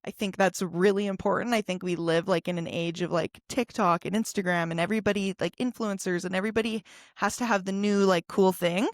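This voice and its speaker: A woman's voice: mid-range voice, fairly even intonation, brisk, dry recording, studio quality. A young adult woman co-hosting a podcast, talking casually with lots of fillers and laughs. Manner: chatty, full of fillers and laughs. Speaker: podcast co-host. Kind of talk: casual chat.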